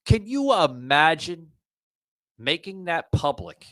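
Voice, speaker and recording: Slow and sing-song, a slightly high, fairly bright voice belongs to a forty-something podcast host from Florida. With no room sound, he delivers a casual, rambling rant to his audience, repeating himself as he goes.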